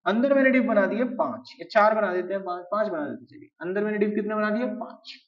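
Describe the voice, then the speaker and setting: A man with a high voice talks fast while teaching web design step by step in a live coding tutorial. He's conversational and often quizzes his students, recorded on a distant mic with dull, lo-fi sound.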